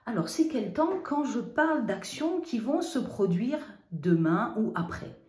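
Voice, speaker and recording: Female teacher, patient lesson voice, mellow tone, echoey room, spells out letters, asks and answers her own questions. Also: fairly high pitch, sing-song, a little slow. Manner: stresses word endings by spelling them out letter by letter.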